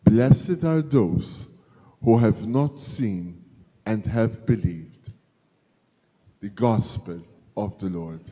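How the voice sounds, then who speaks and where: A man reads scripture in a large church with a solemn, deliberate delivery. His voice is warm and dark and moves at a very slow, measured pace. A long cathedral echo trails after every line. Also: fairly low pitch, lively intonation, breathy edge. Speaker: gospel reader at Mass. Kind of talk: solemn liturgical reading.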